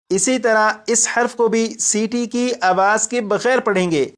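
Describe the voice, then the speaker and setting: Patient guy teaching recitation, says every point twice, draws out letters slow and loud three times. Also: sits high. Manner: recites example letters drawn out and louder. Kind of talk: recorded tajweed lesson.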